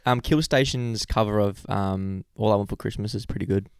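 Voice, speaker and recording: A man's voice: on the low side, moderate pace, noisy background. A man co-hosting a podcast in casual, teasing banter, blunt and full of slang and swearing. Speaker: podcast co-host.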